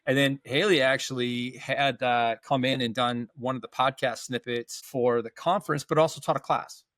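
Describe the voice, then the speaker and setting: A podcast host in his fifties chats casually with a guest over a video call, rambling and frequently restarting his sentences. His medium-pitched voice is steady and fairly bright, at a moderate pace, with no room sound.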